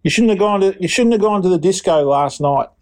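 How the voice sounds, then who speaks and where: A man's voice: high-pitched, a little fast. A man co-hosting a podcast in casual chat, teasing his partner and mock-scolding him. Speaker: podcast co-host.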